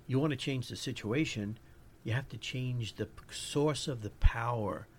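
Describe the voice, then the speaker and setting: A man's voice: mid-range voice, normal speed, a little hiss or hum. A man with a New York accent hosting a podcast, giving an informal lecture as he searches for his words. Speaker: podcast host.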